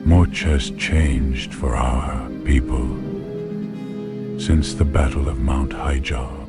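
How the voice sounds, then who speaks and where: A solemn elven ghost speaks from a fantasy game in an unearthly voice. He is extremely low and slow, mourning, under loud new-age music. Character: solemn male night elf ghost, mourning history. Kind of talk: scripted fantasy game narration.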